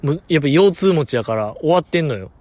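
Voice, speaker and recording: A man's voice: a little high, animated, fast, a little mellow, no echo, muffled recording. A man with a Kansai accent hosting a casual solo podcast, playfully teasing his listeners and laughing often. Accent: Kansai Japanese. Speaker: podcast host.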